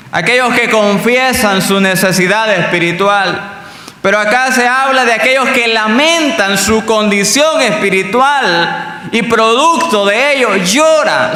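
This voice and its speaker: High-voiced preacher in an echoing hall. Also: male voice, pushed and bright. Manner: measured, earnest preaching. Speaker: pastor. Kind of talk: sermon. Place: church. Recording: echoey church hall with long reverb.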